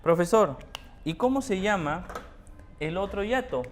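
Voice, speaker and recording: Man putting on a curious young student, higher and brighter than his own voice, eager questions. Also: lively intonation, a little slow, a little hiss or hum.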